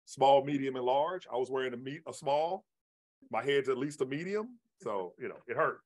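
A man's voice: mid-range voice, lively intonation, normal speed, darkish tone. A man giving a public astronomy lecture in a conversational way, often checking in with "right?". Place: observatory lecture room. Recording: roomy hall audio from far off.

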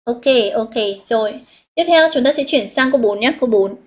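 A woman's voice: on the high side, animated. A woman with a Northern Vietnamese accent teaching a live online English exam review, explaining step by step and reading out students' answers. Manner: explains step by step, reads out students' answers, drawn-out key words.

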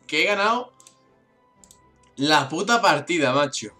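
Young male gaming YouTuber, bright tense tone, repeats words in frantic bursts. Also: a little high, soft background music. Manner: excitable, swears, repeats words rapidly. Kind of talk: live gameplay commentary.

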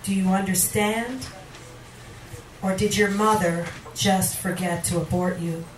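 At medium pitch and with fairly even intonation, a middle-aged woman headlines a poetry reading in a small wood-paneled bar, reciting into a handheld microphone. Her phrasing is dramatic and carefully paced, with pauses and occasional sing-song stretches. Because it was filmed from across the room, the sound is distant, roomy and noisy in the background.

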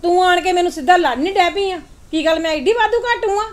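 Sharp-tongued older mother-in-law, played by a woman, scolding and nagging in a family skit. Her voice sits high. It rings in an echoey room. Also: fast talker. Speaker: actor in a family comedy skit. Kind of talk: Punjabi family drama skit acting.

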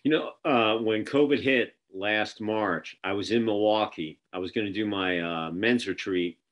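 A middle-aged man hosts a casual interview over video call from an indoor office with a printed backdrop, telling stories packed with fillers and restarts. His voice is lowish and his pace measured, and the webcam audio has its highs cut off.

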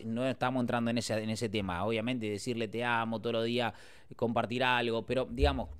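A young Argentine man telling a casual story as a podcast host, slangy and rambling with frequent filler tags. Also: mid-range voice. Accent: Argentine Spanish.

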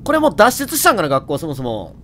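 A man with a Kansai accent giving jokey, animated running commentary on a horror game and talking to its characters. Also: on the high side, quick pace, a little hiss or hum. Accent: Kansai Japanese. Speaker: let's play host.

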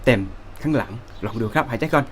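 A man with a Thai accent teaching singing, explaining slowly and breaking into high sung phrases. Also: breathy edge. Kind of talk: relaxed spoken singing lesson with sung demonstrations.

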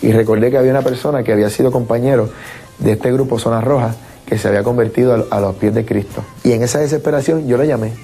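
A man's voice: medium pitch, fast talker, dark tone, slightly rough, faint music behind. A man giving an emotional personal testimony, repeating words and acting out what he said back then. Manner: emotional, repeats words, acts out his own past quotes. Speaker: former merengue singer giving testimony.

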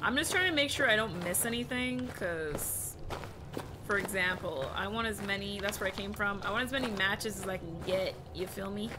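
A woman's voice: medium pitch, moderate pace, noisy background. A young woman streaming a horror game, jumpy and exclamatory, swearing as she plays. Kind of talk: live horror game commentary. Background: game music.

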